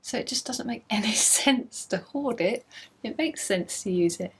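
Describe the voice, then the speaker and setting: A woman's voice: a little high, lively intonation, moderate pace, slightly rough. A woman hosting a casual video podcast, chatty and bubbly, gushing over things she shows to the camera at home. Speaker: podcast host.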